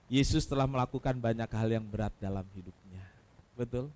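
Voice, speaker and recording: Speaking briskly, an Indonesian-accented pastor delivers a sermon, addressing the audience as "saudaraku." His rhetorical questions alternate between loud outcries and quiet, low remarks.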